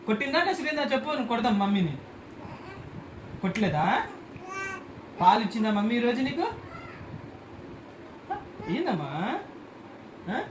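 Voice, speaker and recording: In a home vlog, a woman chats playfully with a baby, coaxing in baby talk and asking the same questions over and over. Her voice is fairly high with big pitch swings, at a moderate pace with frequent pauses, in an echoey room with loud background noise.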